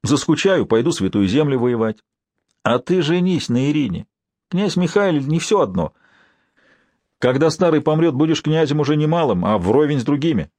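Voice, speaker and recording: A man's voice: medium pitch, a little mellow, no echo. A man voicing a swaggering warrior prince in an audiobook, sly and teasing, with a wheedling tone. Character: swaggering prince, sly, mocking, restless adventurer.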